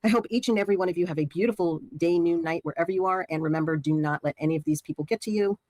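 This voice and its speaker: A middle-aged woman with a low voice, signing off her livestream with loose, rambling chatter aimed at the chat. The sound is dry and close. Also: racing, darkish tone, dry recording. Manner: rambling, talks straight to chat with many fillers. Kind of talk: casual stream sign-off.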